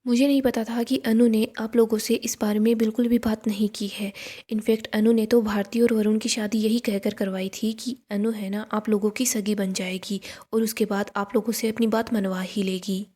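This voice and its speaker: A woman's voice: mid-range voice, flat delivery, moderate pace, few pauses, warm tone, natural voice. A woman voicing a scheming, defiant middle-aged woman politician in a story recap, in an insistent, accusing way.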